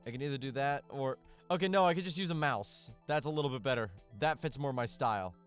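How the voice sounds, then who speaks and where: A man's voice: mid-range voice, fast talker, clean tone, soft background music. A man casually commentating his own game playthrough, chatty and thinking aloud as he plays. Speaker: let's-play host.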